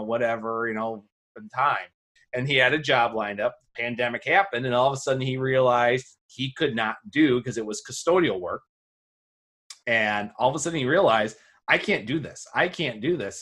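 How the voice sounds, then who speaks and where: A man talking quickly and casually on a podcast about his teaching. He rambles through classroom anecdotes, restarting sentences and acting out what students said. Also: a bit bright. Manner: rambling storyteller, acts out quoted students with a high voice. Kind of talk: casual conversation.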